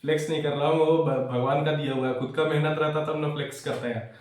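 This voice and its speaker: A man's voice: a little high, fairly even intonation, fast talker, darkish tone. A man tutoring physics in a chatty, casual way, checking that students follow and wandering into jokes. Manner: digresses with jokes. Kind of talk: casual classroom lecture. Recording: echoey room, far from the mic.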